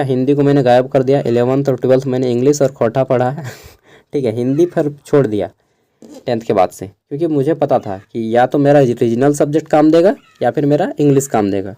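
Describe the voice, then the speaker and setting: A man's voice: medium pitch, mellow. A young man from Jharkhand with Khortha as his first language, giving a casual exam-prep lesson, spelling words out letter by letter and often checking that listeners follow. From Jharkhand, India. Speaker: teacher.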